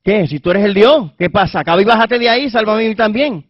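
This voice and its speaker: A man's voice: high-pitched, expressive, quick pace, no echo, voice pushed up. A man acting out a defiant crucified male thief who mocks and demands to be saved, in a dull, dry lo-fi recording. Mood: taunting. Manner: taunting, raised demands.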